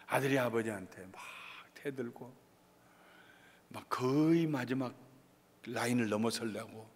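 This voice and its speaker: A male pastor giving an expository sermon with lively delivery, acting out everyday family scenes. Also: mid-range voice, measured pace, breathy edge, long reverb tail. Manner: animated, acts out everyday scenes.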